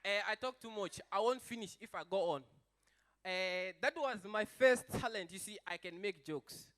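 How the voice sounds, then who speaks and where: Young male stand-up comic with a high voice, rambling and chatty as he tells stories. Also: a bit bright. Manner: chatty, rambling, with fillers and quick asides. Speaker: stand-up comedian. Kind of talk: stand-up comedy storytelling.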